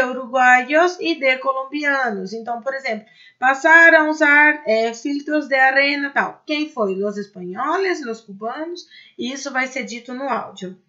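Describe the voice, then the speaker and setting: A high, bright-voiced Brazilian woman explains Spanish grammar at an unhurried pace, checking that her students follow along. She reads each example word slowly and carefully. The recording sounds a little dull and lo-fi. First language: Portuguese. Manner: explains patiently, checks in with "certo?" and "né?". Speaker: Spanish teacher. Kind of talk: recorded online class explanation.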